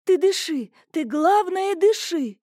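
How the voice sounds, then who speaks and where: A woman voicing a quick-witted woman friend who jokes and encourages. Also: extremely high pitch, lively intonation, warm tone, no room sound, studio quality, voice pushed up, heavily acted. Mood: joking. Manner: joking, encouraging.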